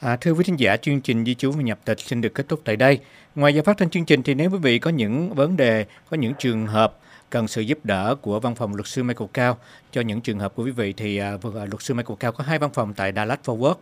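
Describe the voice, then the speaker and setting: Male radio host, fast-paced, courteous formal announcing, mid-pitched voice. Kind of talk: radio call-in hosting.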